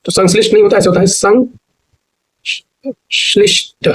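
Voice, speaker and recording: Male teacher, high husky voice, patient step-by-step explainer for exam prep. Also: fairly even intonation, rough recording. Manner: explains step by step, repeats words slowly to spell them. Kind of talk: exam-prep grammar lesson.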